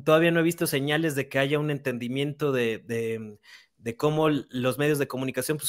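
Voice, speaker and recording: A man's voice: medium pitch, a bit bright. A man with a Mexican accent giving political commentary as a journalist guest, with frequent stammered restarts and fillers. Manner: indignant, critical tone.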